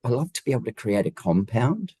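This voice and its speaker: This Wellington-area New Zealander, a home designer being interviewed, talks fairly quickly in a medium-pitched, sing-song voice that's mellow and husky. His answers are conversational and emphatic, frequently built around rhetorical questions. There's no echo on the recording.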